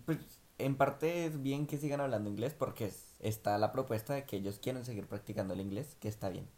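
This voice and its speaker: A young man, co-hosting a vlog in relaxed, rambling casual chat full of fillers. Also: medium pitch, fairly quick. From Colombia. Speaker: vlog co-host.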